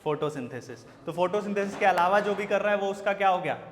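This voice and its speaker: In a classroom with a whiteboard, a male biology teacher lectures in a high-pitched, animated voice, talking fast with a big-room sound. He quizzes his students with repeated questions and teases them.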